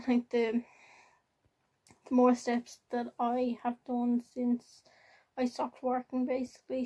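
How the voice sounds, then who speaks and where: A young woman with an Irish accent chats casually to her vlog viewers in a rambling, halting way, often repeating herself. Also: high-pitched, warm tone, slightly rough, poor audio. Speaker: vlogger. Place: at home, in a room.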